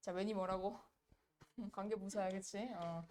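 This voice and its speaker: A woman teaching an English grammar lesson, quizzing her students with quick rhetorical questions. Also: medium pitch, steady tone, a little mellow, a little hiss or hum. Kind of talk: exam-prep grammar lecture.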